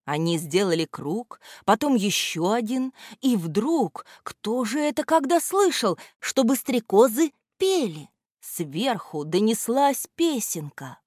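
A woman reading a children's story aloud in an expressive, lilting way. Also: on the high side, slow pace, no room sound, studio quality.

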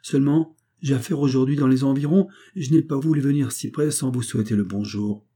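A man's voice: medium pitch, fairly quick, dark tone, voice pushed up, natural voice. A man reading as a grave, melancholy young peasant. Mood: earnest. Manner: earnest, grave and hesitant. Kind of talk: audiobook character reading.

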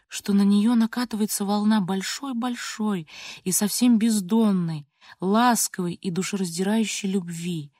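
A woman reading an audiobook aloud, expressive and lively. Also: mid-range voice, no room sound, clean studio sound. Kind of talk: audiobook narration.

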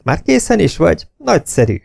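A man voicing a big, confident spy with a slow, charming drawl in an audiobook. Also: a little high, big pitch swings, vocal fry, a little mellow, dry recording, clean studio sound, voice pushed up, full character voice. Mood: smooth.

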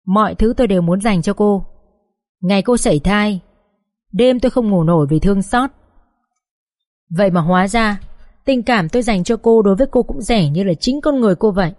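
A woman's voice: medium pitch, a little fast, long pauses, a little mellow, no echo, studio quality, natural voice. A woman voicing an older mother-in-law in an audiobook, betrayed and grieving, reproaching through choked tears. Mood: tearful reproach. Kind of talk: audiobook character voice.

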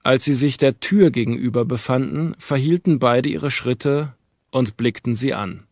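A man reading an audiobook in a measured, calm storytelling manner. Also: mid-range voice, no room sound, clean studio sound. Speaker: audiobook narrator. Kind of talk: scripted narration.

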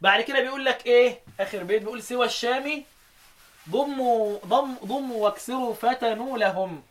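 A man with an Egyptian Arabic accent teaching a lesson on recitation readings, asking questions and answering them himself, chanting verses slowly. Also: very high voice, fairly bright tone.

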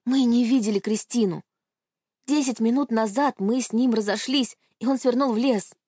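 A woman voicing a desperate teenage girl, pleading and shouting in defense of a friend. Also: a little high, normal speed, no echo, clean studio sound, pitched above the performer's own voice, close to an everyday voice.

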